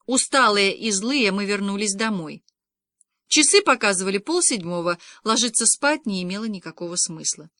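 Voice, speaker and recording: A woman reading a comic novel aloud in lively first-person storytelling, doing the voices of the characters. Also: mid-range voice, normal speed, no echo, studio quality. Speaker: audiobook reader.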